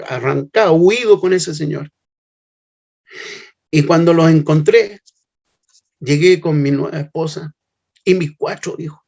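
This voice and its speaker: An older man giving a heartfelt, halting personal testimony. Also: fairly high pitch, vocal fry, darkish tone. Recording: slightly muffled lo-fi recording.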